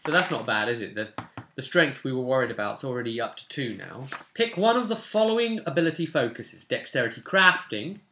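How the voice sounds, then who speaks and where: With lively intonation and a slightly fast pace, this man in his twenties has a bright, forceful mid-range voice. He hosts a tabletop roleplay channel and is chatting casually, thinking aloud as he explains the game and rolls a character. The audio, from a small home room, has roomy echo, hiss and clicks.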